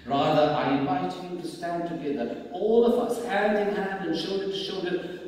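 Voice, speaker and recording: An older man's high-sitting, darkish voice carries a formal message read aloud from an indoor theatre stage, declaimed with theatrical emphasis in an oratorical style. The microphone is a far camera in the audience, producing a very echoey, distant sound with faint noise.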